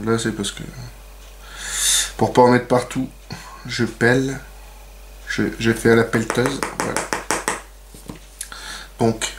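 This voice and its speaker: Over a noisy background, a mid-range male voice hosts a relaxed how-to on nail art. He's chatty, saying "donc" a lot among other fillers, and pokes fun at himself along the way.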